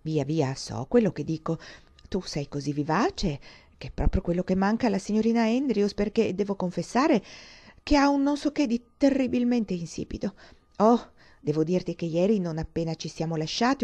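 A woman voicing a flattering, effusive young woman in a dramatized audiobook reading, talking in a confiding, theatrical way. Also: medium pitch, lightly acted.

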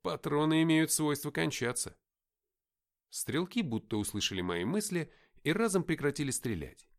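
A man reading a first-person audiobook in a lively, expressive way. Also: a little high, moderate pace. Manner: lively, expressive reading with loud acted dialogue. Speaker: audiobook narrator.

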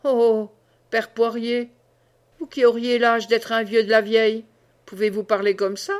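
Using her natural voice with a flat delivery, a woman plays a boastful, drunken old peasant who hiccups and blusters oaths. She pitches him slightly lower and slower than her normal speech.

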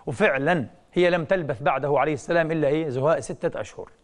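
Fast-talking emotive male preacher. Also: a little high. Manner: emotive storytelling with sudden rises and hushed drops; rhetorical questions he answers himself. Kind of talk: religious lecture.

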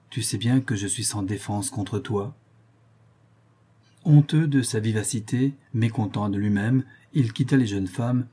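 A man reading a novel aloud as an audiobook narrator, in a measured way that gently voices the dialogue. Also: medium pitch, slightly rough.

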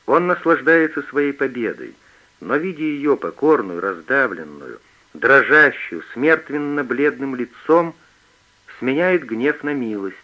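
Male audiobook narrator, expressive and animated, muffled lo-fi sound. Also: medium pitch, measured pace. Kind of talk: scripted narration.

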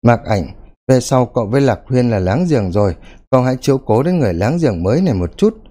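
A man voicing a scheming middle-aged landlady in a storybook reading, speaking briskly and ingratiatingly in his own lively, mellow voice. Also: mid-range voice, close to an everyday voice. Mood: coaxing.

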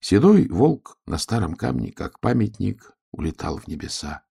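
Deep, gravelly male storyteller, animated reading of a children's tale. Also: moderate pace. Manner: expressive, lively storytelling. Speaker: narrator.

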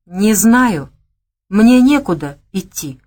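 A woman's voice: mid-range voice, animated, slow, a little mellow. Woman reading a sincere young man with lost memory. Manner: simple, earnest, hesitant.

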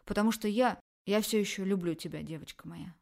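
A woman's voice: lowish voice, moderate pace, a little mellow, close to an everyday voice. A woman reading an audiobook, voicing a man, the heroine's passionate and angry former lover, who speaks with intensity and often raises his voice. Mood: heated.

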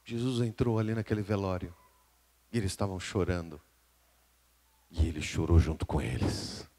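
With a low voice and a moderate pace, a Brazilian Portuguese-accented pastor delivers a live sermon. He preaches emphatically, dropping to a hush and then rising loud, and addresses the congregation directly.

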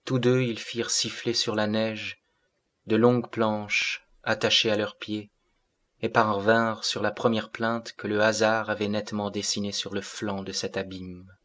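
A man narrating a classic novel as an audiobook in a measured way. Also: fairly low pitch, level tone, a bit bright.

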